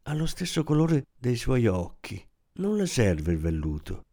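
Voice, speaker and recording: A man's voice: medium pitch, big pitch swings, measured pace, vocal fry, dark tone. A man voicing a chatty, effusive woman who sells dresses, with gushing sales patter. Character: chatty middle-aged woman dress seller.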